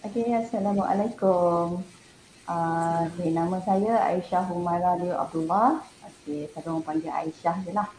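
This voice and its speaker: A Malaysian woman in her thirties, founder of a language academy, joins a casual online panel as a guest, chatting informally and giggling. Her soft, mellow voice is fairly low, expressive, and measured in pace. She's captured by a laptop on the call in an echoey room with background noise.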